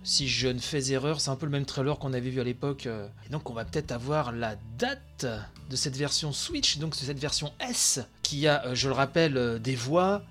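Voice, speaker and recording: A tired man with a young son hosting a games channel, giving excited live reaction commentary late at night, with lots of fillers and outbursts. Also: medium pitch, moderate pace, faint music behind. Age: adult with young son. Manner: excitable, chatty, many fillers. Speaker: video game channel host.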